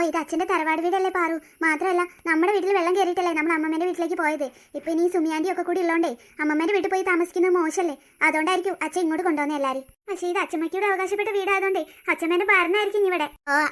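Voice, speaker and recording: A woman's voice: extremely high pitch, fairly even intonation, rapid-fire, hardly any pauses, fairly bright tone. A woman voicing a caring teenage elder sister who explains things patiently, in a cartoon story. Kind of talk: cartoon voice acting.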